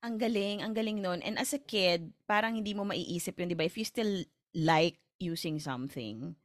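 A woman's voice: lowish voice, normal speed, no room sound, clean studio sound. Chatty Filipino-accented woman host. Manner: chatty, playful, code-switching. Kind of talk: conversational interview.

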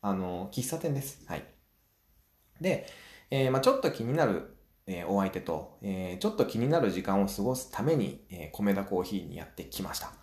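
Fast, lively-voiced man hosting a talk show. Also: on the low side, reverberant. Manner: chatty, acts out little scenes; frequent filler sounds. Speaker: podcast host. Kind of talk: solo advice talk show.

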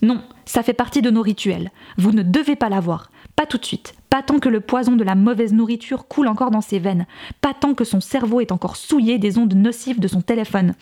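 A woman's voice: fairly high pitch, a little fast, dark tone, natural voice. A woman reading aloud voices a disdainful male cult leader with a dismissive, preachy way of talking.

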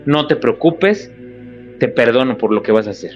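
A man with a Mexican accent voicing a gentle, forgiving male pastor in a retold anecdote, on a slightly muffled radio recording. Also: medium pitch, lively intonation, normal speed, faint music behind, close to an everyday voice. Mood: resigned. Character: calm forgiving male pastor facing a gunman.

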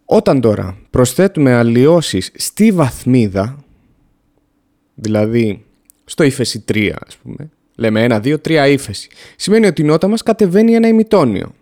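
A man's voice: mid-range voice, expressive, dark tone. A man teaching music theory in a casual podcast lesson, explaining in a plain, down-to-earth way and counting off notes and steps.

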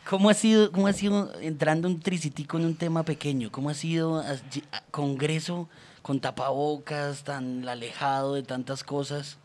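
A man's voice: a little high, steady tone, moderate pace, darkish tone. A man who hosts a talk show, asking questions in a friendly, loosely phrased way with small stumbles. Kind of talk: casual interview talk.

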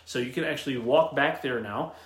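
A man's voice: medium pitch, fairly quick, fairly bright tone, reverberant. A man in his late thirties, a travel agent hosting a casual solo show, chatty and upbeat with many fillers and restarts. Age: 30s. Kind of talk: casual solo livestream talk.

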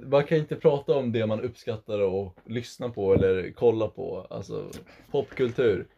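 Gravelly low-voiced young man, casual. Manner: laid-back, argumentative, laughs often. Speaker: podcast co-host. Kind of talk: casual chat. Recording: dull lo-fi sound.

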